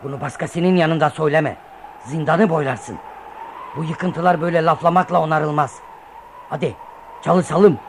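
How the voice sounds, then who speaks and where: An actor playing a wary, worried soldier in a radio play, speaking colloquially to a comrade. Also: male voice, on the high side, steady tone, moderate pace, creaky, pauses often, slight background noise.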